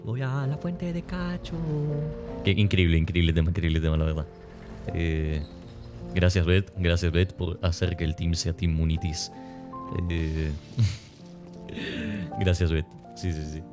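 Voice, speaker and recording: A man's voice: low-pitched, animated, unhurried, pauses often. A young man, raised in Spain and Argentina, casually chatting with his stream chat while gaming, coughing now and then. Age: young adult. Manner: rambling, joking, answering chat. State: persistent cough. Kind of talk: casual gameplay commentary, reading chat. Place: home streaming room. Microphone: desk mic near webcam. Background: game music.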